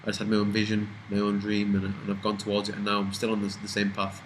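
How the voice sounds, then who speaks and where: Swearing young British man, lowish voice. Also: completely flat delivery, quick pace, noisy background. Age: 20s. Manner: rambling, swears freely, trails off and restarts. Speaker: vlogger answering viewer questions. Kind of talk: casual Q&A chat.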